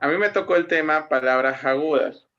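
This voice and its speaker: A male student presents a grammar topic to his class in a somewhat raised voice. He explains each rule and then reads out example words slowly. The recording sounds muffled and lo-fi. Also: a little high, a bit bright.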